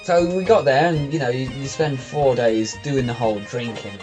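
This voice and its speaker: A man's voice: mid-range voice, moderate pace, darkish tone, soft background music. An English man co-hosting a casual podcast chat, rambling through stories with a joking manner and frequent laughter. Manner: jokey, laughs often, rambling storytelling. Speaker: podcast co-host.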